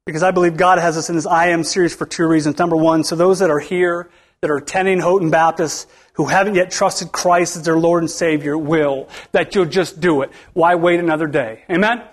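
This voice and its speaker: High-voiced preaching man, swinging loud to soft. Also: steady tone, fairly quick. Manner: calls to the congregation for responses. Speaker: pastor. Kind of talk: sermon. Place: church.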